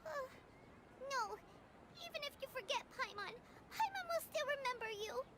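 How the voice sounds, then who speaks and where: A woman voicing a tiny, chirpy, childlike floating companion in a dubbed game, with a squeaky, bouncy voice. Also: lively intonation, normal speed, a crowd in the background. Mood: sweet.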